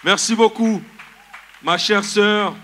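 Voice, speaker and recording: Fervent high-voiced pastor. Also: male voice, slow, sharp tone, soft background music, some chatter behind. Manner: fervent, exclaiming, leads cheers. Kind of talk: church testimony service. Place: church service.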